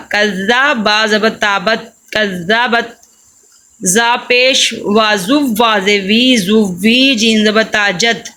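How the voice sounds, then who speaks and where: Bright-voiced woman teaching slow recitation. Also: a little high. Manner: spells out letters and vowel marks, then repeats them slowly. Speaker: Quran reading teacher. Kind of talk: slow syllable-by-syllable recitation lesson.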